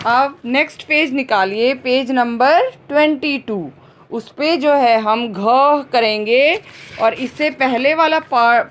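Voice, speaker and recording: Slow, patient woman teaching children. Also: on the high side. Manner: repeats each word slowly, asks and answers her own questions; drawn-out words, slow and patient. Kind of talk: slow, clearly spoken grammar lesson for children.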